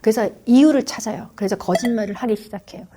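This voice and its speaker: A woman, a child education expert, calmly explaining parenting advice in an interview and acting out what a parent might say to a child. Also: a little high, fast, slight background noise. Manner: calm explaining, acts out parents' questions to a child.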